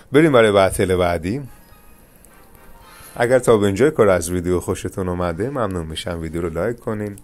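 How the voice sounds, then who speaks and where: Young male gaming creator, deep voice, calm coaching play-by-play, faint hiss behind. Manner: calm, coaching, addresses viewers as "guys". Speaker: gaming YouTuber. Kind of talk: live gameplay commentary.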